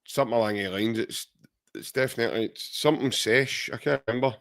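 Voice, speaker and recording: Scottish podcast co-host, forties, mid-pitched, jokey banter with viewers. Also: male voice, fast talker, creaky, a bit bright. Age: 40s. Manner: chatty, jokey, reads out viewer comments. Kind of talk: casual chat.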